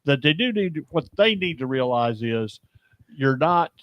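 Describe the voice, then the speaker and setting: A man hosting a casual sports talk show, talking in a meandering, halting way and often restarting his sentences. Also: a little high, lively intonation, dry recording, muffled recording. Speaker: host.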